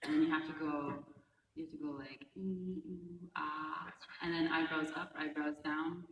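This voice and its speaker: An animated actress telling a story on a panel with a slightly low voice. The sound is distant and roomy, with a long hall reverb and faint noise behind it. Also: female voice, a little fast, dull audio. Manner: animated, acts out the motion capture routine. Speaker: video game actor on a panel. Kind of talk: casual panel talk. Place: large convention panel room.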